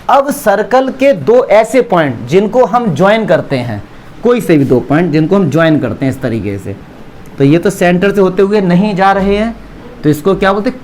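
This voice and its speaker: A man's voice: sits high, darkish tone, slight background noise. A man teaching a maths class, asking questions and answering them himself, joking with his students in the classroom. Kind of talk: classroom lecture.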